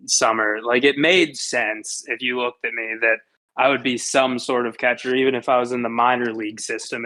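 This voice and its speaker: A young man with a Pittsburgh accent hosts a casual sports podcast at a middle pitch. He tells stories with profane energy and quotes his own outbursts. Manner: profane, animated storytelling with quoted reactions. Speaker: podcast co-host.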